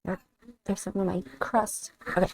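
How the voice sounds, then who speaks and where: A woman's voice: mid-range voice, level tone, moderate pace, vocal fry, darkish tone. A woman vlogging a cooking demonstration in her home kitchen, chatting casually and thinking aloud as she cooks and tastes.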